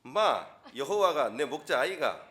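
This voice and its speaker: A man's voice: sing-song, a little slow, heavily acted. A man putting on a boisterous Gyeongsang-dialect speaker with a raised, laughing voice in a sermon. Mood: playful. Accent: Gyeongsang dialect, put on. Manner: pitched up, loud and laughing.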